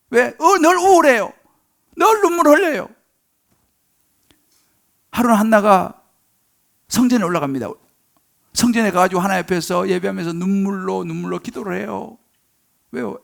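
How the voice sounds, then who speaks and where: A middle-aged pastor delivers a sermon in a strikingly high, animated voice with a gravelly edge. He swings from loud exclamations to hushed asides and acts out the voices of the people in his stories.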